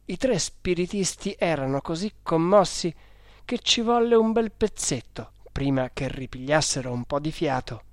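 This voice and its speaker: A reader narrating a storybook in a calm, measured way. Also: mid-range voice, no echo, clean studio sound.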